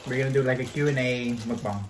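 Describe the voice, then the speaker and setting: A man chats casually while hosting an eating video with friends. He talks in a relaxed, slangy way and drops in Spanish words. His voice sits at a middle pitch, and the room adds a roomy echo. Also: quick pace, slight background noise. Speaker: host. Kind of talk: casual mukbang chat.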